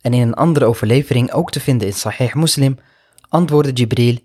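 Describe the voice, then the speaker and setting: A man's voice: medium pitch, brisk, a little mellow. A man telling a religious story as a sermon, earnest and reflective, often adding Arabic honorifics. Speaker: Islamic preacher.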